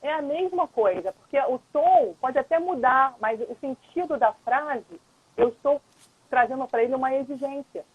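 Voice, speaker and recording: This woman, a lawyer and mediator on a live stream as a guest, has a high voice with lively intonation at a normal speed. In a relaxed chat she explains patiently and keeps checking in with whoever's listening, over dry, dull lo-fi audio.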